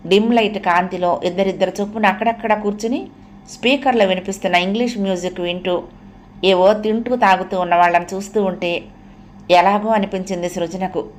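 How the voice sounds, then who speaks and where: A woman reading an audio novel aloud in a steady, even storytelling manner. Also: mid-range voice, moderate pace, slight background noise. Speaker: audiobook narrator. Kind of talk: scripted audio novel narration.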